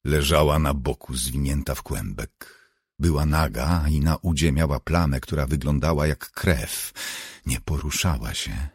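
A man with a very low, husky voice narrating an audiobook in a measured, steady storytelling manner. The sound is dry and close, with no room echo. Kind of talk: scripted narration.

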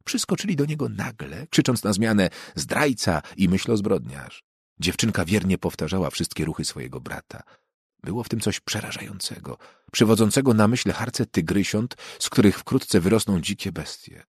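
A male audiobook narrator with a very low, husky voice, reading in a measured, even manner. The sound is dry and close to the microphone. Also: no room sound. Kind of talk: scripted narration.

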